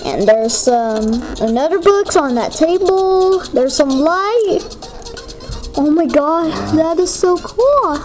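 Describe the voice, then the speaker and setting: A woman giving excited gameplay commentary, gasping and exclaiming often. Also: sits high. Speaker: gamer.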